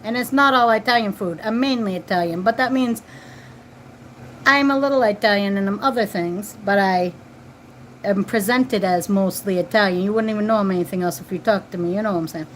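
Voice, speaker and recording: In a rough recording with some hiss or hum, a woman in her 40s runs a casual livestream chat from home near her kids, repeating phrases and tossing in tag questions. She talks at medium pitch and a touch fast.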